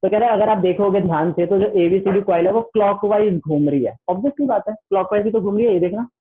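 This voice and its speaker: A man teaching an online class with a Hindi accent, chatty and repetitive, reading the textbook aloud slowly in English. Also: high-pitched. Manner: chatty, keeps saying "listen carefully", reads the textbook slowly in English. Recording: tinny phone-like online class audio.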